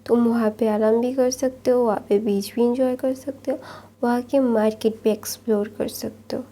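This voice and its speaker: A teasing, doting young man who jokes around and begs forgiveness in a story reading, as a woman narrator puts him on. His voice sits somewhat high, dark and mellow. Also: steady tone, normal speed. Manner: teasing, then pleading.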